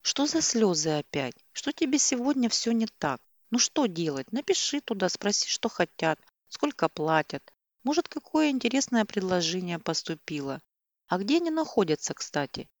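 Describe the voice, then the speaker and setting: A woman's voice: mid-range voice, very animated, moderate pace, no room sound, clean studio sound, voice pushed up. A woman voicing a sleepy, irritated young man who answers dismissively and with exasperation, in an audiobook.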